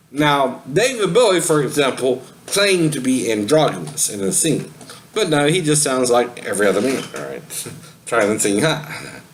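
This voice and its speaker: A man's voice: medium pitch, slight background noise, poor audio. A man giving a casual spoken singing lesson who rambles, laughs often and keeps asking "right?" to check the listener is following. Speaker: singing teacher.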